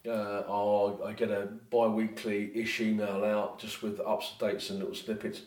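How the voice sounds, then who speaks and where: A British man hosting a podcast, giving advice in a casual, informal and halting conversational monologue. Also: fairly low pitch, flat delivery, a little mellow. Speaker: host of a personal finance podcast. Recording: roomy, echoing sound.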